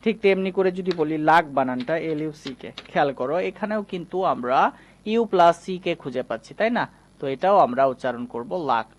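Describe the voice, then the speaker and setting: A man teaching a reading lesson, explaining patiently and slowly repeating each example word. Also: a little high, expressive, lo-fi sound.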